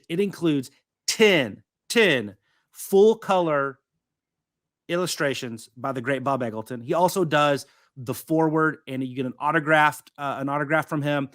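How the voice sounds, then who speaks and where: A podcast co-host chats casually, rambling enthusiastically and packing in plenty of fillers. His voice is medium-pitched and a bit bright, with clean studio sound and no echo.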